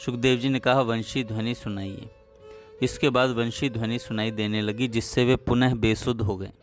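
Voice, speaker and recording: A man narrating a devotional story in a calm, measured reading voice. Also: medium pitch, soft background music.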